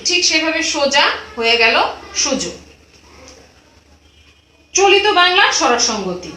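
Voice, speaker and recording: Female teacher, high and bright, patient step-by-step explainer, echoey room with faint hiss. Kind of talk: online class lecture.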